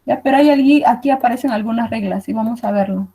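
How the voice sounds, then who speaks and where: A woman's voice: on the high side, quick pace, warm tone, slightly rough, rough recording. A woman teacher gives a recorded online lesson, explaining patiently and checking in with her students as she goes. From Peru.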